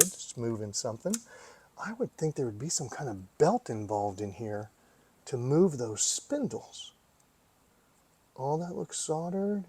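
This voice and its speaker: Mid-range in pitch, his voice is dark and a little rough. He's a hobby repair vlogger giving relaxed commentary as he fiddles with things, musing and quizzing himself out loud.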